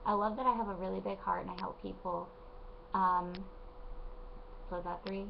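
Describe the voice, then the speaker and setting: A woman with a hoarse, gravelly voice talks casually to camera from her couch late at night. She rambles gently with frequent ums, encouraging her viewers. The recording is dull and lo-fi, with a faint background noise. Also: medium pitch, steady tone, normal speed. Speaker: vlogger and parenting page admin. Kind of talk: casual motivational talk to camera.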